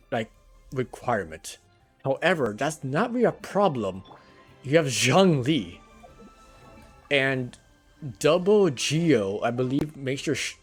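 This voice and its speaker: A man's voice: medium pitch, husky. A man giving casual, rambling gameplay commentary on a livestream, talking into a headset mic and swearing now and then.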